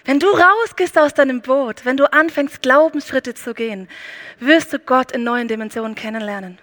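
Woman preacher, high voice, punchy and direct, talks right to you. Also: moderate pace, fairly bright tone. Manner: emphatic, direct address to the listener. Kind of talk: sermon.

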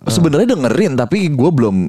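A man's voice: a little high, fast. A man in his thirties, a voice actor, chatting casually and playfully. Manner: playful, lively banter with slang. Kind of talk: casual podcast chat.

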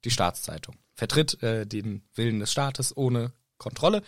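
A man's voice: medium pitch, normal speed, no room sound, studio quality. A man chatting casually about a book and quoting the characters in acted voices. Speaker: podcast co-host.

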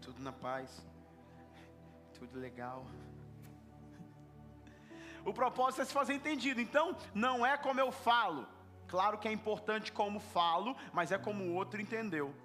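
A male pastor preaching an animated sermon, repeating words for emphasis and acting out little dialogues. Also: high voice, brisk, soft background music. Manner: animated, repetitive, acts out dialogues.

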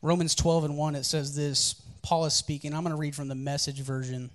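A man's voice: a little high, little pitch movement, a little fast. A man preaching a sermon as pastor, telling candid personal stories in a conversational, earnest way.

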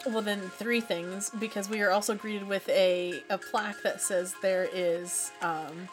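A woman co-hosting a podcast, telling a travel story in casual, animated chat. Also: mid-range voice, unhurried, music in the background. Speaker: podcast co-host.

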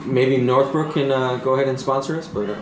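A man's voice: medium pitch, steady tone, brisk. A man from the Chicago area hosting a casual podcast chat, loose and joking, swearing freely. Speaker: podcast host. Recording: echoey room, faint noise.

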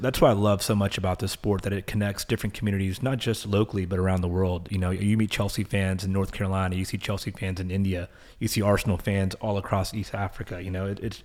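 A man co-hosts a podcast in a very deep voice, talking fast. He speaks earnestly and with enthusiasm. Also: flat delivery, a little mellow. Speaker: podcast co-host. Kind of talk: casual chat.

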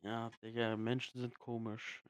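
A man's voice: medium pitch, completely flat delivery, a little slow, dry recording. A man hosting a casual podcast chat, slangy and loose, steering the talk with questions to his friends.

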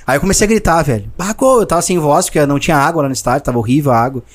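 Fast-talking southern Brazilian man telling stories. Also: fairly high pitch. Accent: southern Brazilian (Rio Grande do Sul). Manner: animated, slangy, emotional storytelling. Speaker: sports radio narrator, guest. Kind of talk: casual storytelling in a podcast chat.

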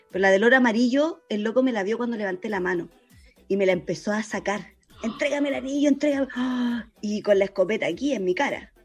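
A Chilean woman telling a story in casual chat, animated and slangy, laughing often. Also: mid-range voice, creaky.

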